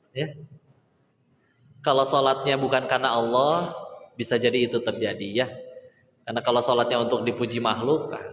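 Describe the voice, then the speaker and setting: A man preaching a lively sermon, acting out dialogues in playful voices. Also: medium pitch. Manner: animated, acts out dialogues in playful voices, mixes in Sundanese. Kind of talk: lively sermon to a live audience. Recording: echoey hall with faint ambience.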